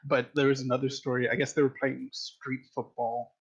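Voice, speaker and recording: A man sharing long, rambling family stories between turns of a tabletop game. His voice is gravelly and a little husky, and he often backs up to correct himself mid-sentence. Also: mid-range voice, level tone, brisk, lo-fi sound. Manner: rambling, self-correcting anecdotes. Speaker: player. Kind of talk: casual storytelling at a game table.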